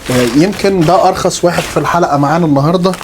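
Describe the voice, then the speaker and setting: Excitable Egyptian man reviewing kebab. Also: fairly high pitch, racing, background noise. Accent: Egyptian Arabic. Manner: animated, exclaiming and joking as he tastes. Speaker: food reviewer. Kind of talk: casual food review vlog.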